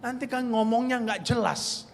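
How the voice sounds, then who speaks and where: A man voicing a tearful, self-pitying young male missionary, speaking in a soft, whimpering way. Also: extremely high pitch, steady tone, moderate pace, gravelly, a little hiss or hum. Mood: tearful complaint. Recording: long hall reverb, faint ambience.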